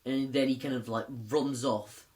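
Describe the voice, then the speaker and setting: A man's voice: medium pitch, steady tone, moderate pace, a little mellow, slight background noise. A man casually reviewing a film, rambling with lots of fillers and restarts.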